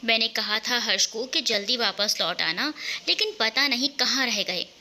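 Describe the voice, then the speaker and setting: A restless mother, worried and impatient while she waits for her family, as a woman reads her. Her voice is bright and slightly high. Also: animated, moderate pace, full character voice. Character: anxious mother waiting, restless.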